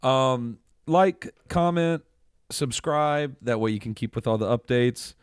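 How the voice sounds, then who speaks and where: A man hosting a podcast with an upbeat, joking manner, wrapping up the show in casual chat. His voice sounds smooth and clean, with a dry, close sound around it. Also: mid-range voice, takes it slowly, no room sound. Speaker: podcast host.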